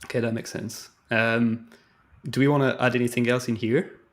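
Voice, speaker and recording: A man hosts a coding stream in a loose, conversational way, narrating what he types. His voice sits at an ordinary middle pitch and he often trails off, restarts and muses aloud. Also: little pitch movement, moderate pace. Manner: thinks aloud, chatty and tentative. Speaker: live stream host. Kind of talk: casual coding walkthrough.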